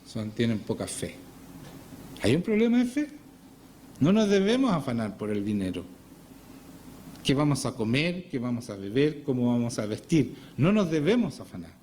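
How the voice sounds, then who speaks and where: Pastor preaching with rhetorical questions. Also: male voice, medium pitch, sing-song, moderate pace, long pauses, mellow, slight background noise. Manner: asks the congregation frequent rhetorical questions. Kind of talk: sermon. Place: church service.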